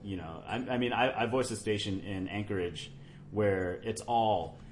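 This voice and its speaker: A man who works as a voice-over artist, chatting casually on a podcast in a relaxed, rambling way that often trails off quietly. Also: fairly low pitch, normal speed, a little hiss or hum.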